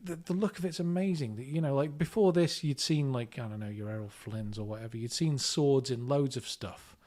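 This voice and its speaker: A man's voice: medium pitch, fairly quick, a little mellow. A man co-hosting a casual podcast from his kitchen on a semi-professional mic, talking enthusiastically with many fillers and restarts. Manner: enthusiastic, rambling, lots of fillers. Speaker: podcast co-host. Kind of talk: casual chat. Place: home kitchen.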